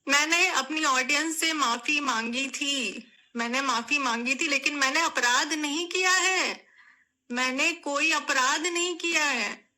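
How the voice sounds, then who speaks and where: In her vlog, a young woman speaks to camera in a tearful, pleading way, her high and very bright voice breaking as she repeats phrases again and again. Her pace is a little slow.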